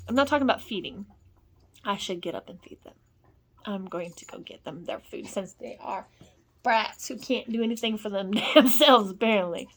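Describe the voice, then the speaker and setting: A woman in a rambling spoken monologue, blunt and profane, swinging between low murmurs and loud scolding. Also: lively intonation, moderate pace. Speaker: vlogger.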